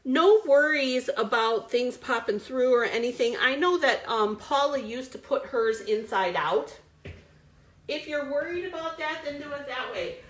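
A woman's voice: high voice, animated, a little slow, fairly bright tone. A woman hosting a live card-making stream, chatty and bubbly, greeting viewers by name as she works. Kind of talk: live crafting stream chat.

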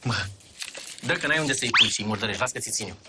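An actress playing a scheming mayor who dodges requests and performs for a camera. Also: female voice, extremely low pitch, lively intonation, heavy background noise. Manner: evasive, theatrical. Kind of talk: sitcom acting.

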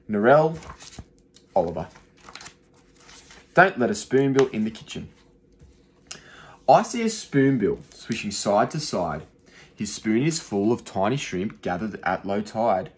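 A phone placed close in front records a young adult male teacher sitting in a small room and reading a rhyming picture book to young children. He reads rhythmically and expressively in a fairly low voice, at a measured pace with frequent pauses.

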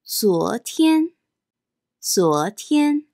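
A woman teaching vocabulary as a slow pronunciation drill, saying each word syllable by syllable and then repeating it. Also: a little high, very animated, creaky, darkish tone, no echo, clean studio sound. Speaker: Chinese teacher.

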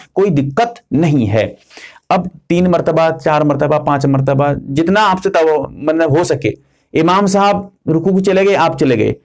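A man, an Islamic scholar, giving religious instruction in an earnest, emphatic way, repeating key points step by step. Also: high-pitched.

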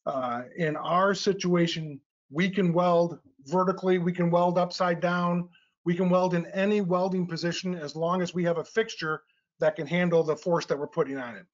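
A man's voice: high-pitched, fairly even intonation, moderate pace. A middle-aged man presenting technical slides in a webinar, explaining step by step with frequent uh and um fillers. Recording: slightly dull lo-fi webinar audio.

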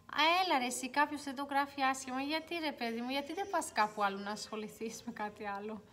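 A young woman hosting a casual makeup livestream, chatting and reading viewer comments aloud, sometimes dropping to quiet mutters. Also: high-pitched. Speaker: beauty livestream host. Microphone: phone.

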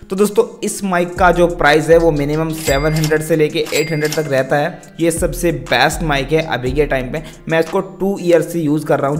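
A young adult tech video creator hosts a direct-to-camera product advice vlog, instructing viewers and addressing them repeatedly. His voice is slightly high, and he holds a wired lavalier mic in a small decorated indoor room with background music playing.

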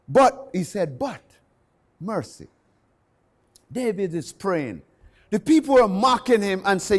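Male preacher, very high voice, lively swooping delivery, passionate sermon with occasional shouts. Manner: impassioned, rising to shouts on key phrases.

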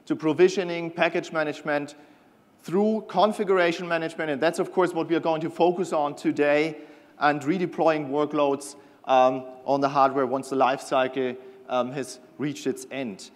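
A middle-aged man delivers a conference keynote with eager, slightly halting enthusiasm. His voice sits a bit high, and a long reverb from the big hall trails every phrase. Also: fairly even intonation. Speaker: keynote presenter, product manager. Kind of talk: conference keynote with scripted banter. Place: large conference hall stage.

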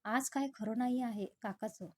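A woman's voice: fairly high pitch, normal speed, natural voice. A woman voicing a nervous young female relative who talks hesitantly. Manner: hesitant, faltering.

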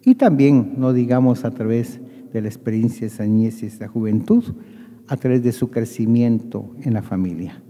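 Male priest, mellow tone, calm and solemn, long cathedral echo. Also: medium pitch, normal speed. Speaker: priest leading Mass. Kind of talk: liturgical leading and prayer. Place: large church. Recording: long church reverb.

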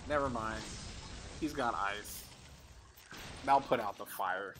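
A man hosting a casual gameplay video, narrating his moves in a playful, excitable way and chatting with his child at home. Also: on the low side, slow. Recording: noisy home recording.

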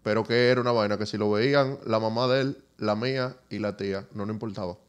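A man's voice: fairly low pitch, steady tone, fast, clean tone. A man with a Dominican accent, a podcast co-host telling stories in casual banter.

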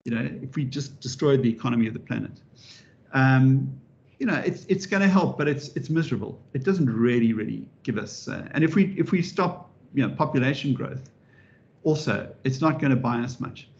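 A man giving an interactive public lecture as a professor, lively and animated, often restarting his sentences and adding wry asides. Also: medium pitch, moderate pace, vocal fry. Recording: dull lo-fi recording.

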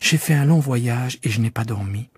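A man voicing a gentle, bewildered young boy prince in an audiobook, asking timid questions. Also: medium pitch, normal speed, breathy edge, no echo, studio quality, close to an everyday voice. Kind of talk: audiobook character voice.

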